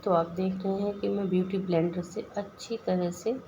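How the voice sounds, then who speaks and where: A woman's voice: mid-range voice, level tone, moderate pace, noisy background. A woman with an Indian Hindi accent, a makeup artist explaining each step of a makeup tutorial in a voice-over and calling her viewers guys.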